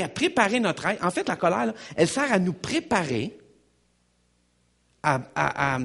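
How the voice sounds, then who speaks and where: A Québécois pastor delivering a sermon, his slightly raised voice swinging widely up and down. He preaches emphatically, repeats key phrases and speaks straight to his listeners, with a husky edge to his tone. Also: high-pitched. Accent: Québécois French. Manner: animated, emphatic preaching with repetitions and asides to the congregation.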